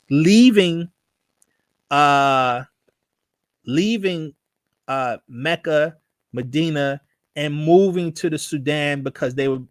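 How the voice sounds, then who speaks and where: A man hosting a live stream, teaching and answering viewer questions, often repeating himself and slowly chanting invocations. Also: on the high side, fairly bright tone, no room sound. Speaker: host of a live religious show.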